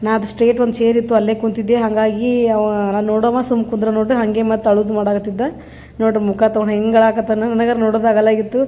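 A mother from North Karnataka chats fast into her phone camera in a regional Kannada accent. Her voice sits a little high but mellow and stays level in tone. She keeps showing viewers things in a casual vlog way. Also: flat delivery. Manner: chatty, keeps saying "see" to viewers. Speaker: mother vlogger.

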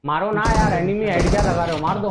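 A man from India streaming a mobile battle game, shouting quick commands and joking with his squad over voice chat. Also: high-pitched, over a noisy crowd. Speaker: gaming streamer.

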